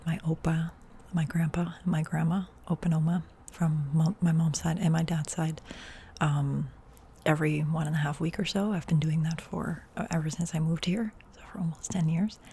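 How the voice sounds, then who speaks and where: Low gravelly whispering woman. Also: flat delivery, normal speed, slight background noise. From Netherlands. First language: Dutch. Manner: soft whisper, rambling and chatty with many fillers. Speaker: ASMR YouTuber. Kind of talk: whispered role-play.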